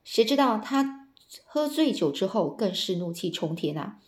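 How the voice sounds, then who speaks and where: A woman casually retelling a classic novel, explaining each old line in plain words with many drawn-out particles and restarts. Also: mid-range voice, big pitch swings, darkish tone. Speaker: storyteller.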